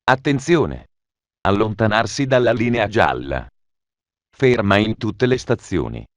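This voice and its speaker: These are automated train station announcements in a man's fairly low, animated voice, built from stitched-together phrases and delivered in a formal, measured way. The audio is dry.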